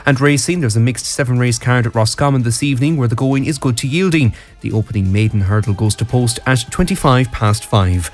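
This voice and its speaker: A man's voice: medium pitch, fairly quick, hardly any pauses. An Irish man reading scripted weather and sports bulletins on the radio. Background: music bed.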